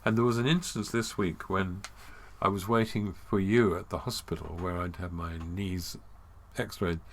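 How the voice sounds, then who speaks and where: A man's voice: deep voice, fairly even intonation, unhurried. A man in casual chat, a rambling, self-mocking storyteller. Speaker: podcast host.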